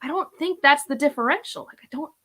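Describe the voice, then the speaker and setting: This casual book chat features a woman in her thirties who vlogs about books and sits on a read-along panel. Emphatic, rambling and full of opinions, she talks at a quick pace in a high, bright, forceful voice.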